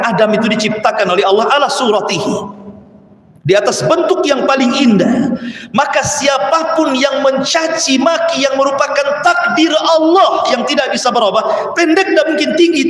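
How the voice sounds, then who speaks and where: Animated preacher in an echoey hall. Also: male voice, very high voice. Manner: animated storytelling, mimics voices in anecdotes. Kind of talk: sermon. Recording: echoey hall with long reverb.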